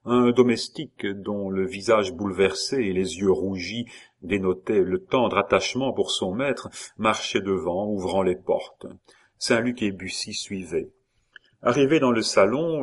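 A man narrating a classic novel in a measured, expressive reading. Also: fairly low pitch. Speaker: audiobook narrator.

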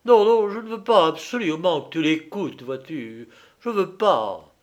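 A man's voice: fairly high pitch, animated, a little slow, voice pushed up. A man reading an audiobook, voicing a proud, anguished grown son who pleads urgently. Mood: insistent.

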